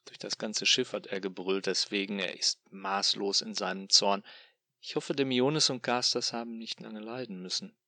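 Bright-voiced man narrating a dark story. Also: fairly low pitch, steady tone, normal speed, no echo. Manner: hushed, despairing, intense. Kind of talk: dramatic first-person audiobook narration.

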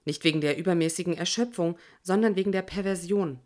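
A woman narrating a first-person audiobook in a reflective, measured way. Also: on the low side, darkish tone.

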